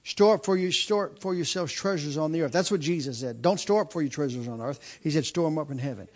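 A man in his mid-fifties preaches to his congregation, his voice sitting notably high for a man. He hammers his points with repetition, circling back on phrases and restarting sentences as he goes. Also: quick pace. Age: 50s. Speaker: pastor. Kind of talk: sermon.

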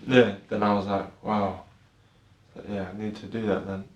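Here a young adult man, Irish-born and UK-raised, chats as a podcast guest at a moderate pace with a low, flat, level voice, sounding soft-spoken and hesitant. He trails off often and leans on "like" as filler, and the dull audio echoes as though recorded in an empty room.

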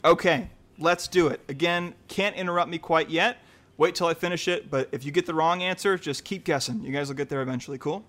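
A man's voice: on the high side, a bit bright. Upbeat man hosting a trivia game. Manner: upbeat, chatty, reads questions slowly. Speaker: quiz host. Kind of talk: casual quiz hosting.

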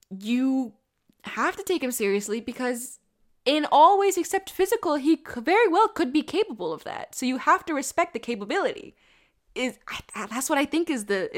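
Chatty young woman ranting about a show. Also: on the high side. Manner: animated, rambling, swears casually, mock-voices characters. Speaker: show reviewer. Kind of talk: casual spoken review.

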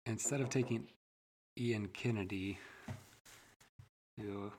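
A man's voice: on the low side, slow pace, a little mellow, husky. A young man, a new father, chatting casually on a podcast in an easygoing, modest way. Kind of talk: casual chat.

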